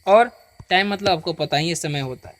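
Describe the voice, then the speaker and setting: Speaking in a mid-range voice, a patient teacher runs a beginner reading lesson, reading English words slowly and singly for the listener to echo while repeatedly making sure they follow along.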